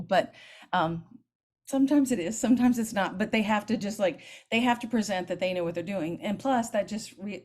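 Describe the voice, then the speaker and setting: A woman in her fifties, a middle school band director, explaining trumpet technique in a lively, chatty way and demonstrating as she talks. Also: lowish voice. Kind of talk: teaching clinic, explaining technique.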